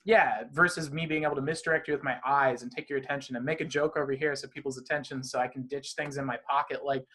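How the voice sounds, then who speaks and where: A man's voice: mid-range voice, steady tone, fast talker, few pauses, a bit bright. A man being interviewed as a magician, talking animatedly in long, rambling runs of casual conversation. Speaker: magician guest.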